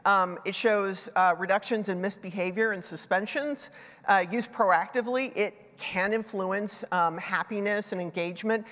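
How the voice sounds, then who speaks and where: A middle-aged woman, a little congested because of a sinus infection, delivers a conversational conference talk on a large, dark stage with a headset mic, dropping self-deprecating asides. Her mid-range, slightly bright voice moves at a moderate pace in the reverberant hall.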